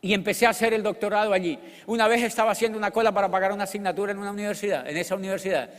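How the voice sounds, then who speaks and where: Colombian guy, middle-aged, high voice, animated storytelling, big hall echo. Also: racing. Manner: animated, joking, bursts into loud exclamations. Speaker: motivational speaker. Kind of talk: storytelling business talk. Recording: long hall reverb.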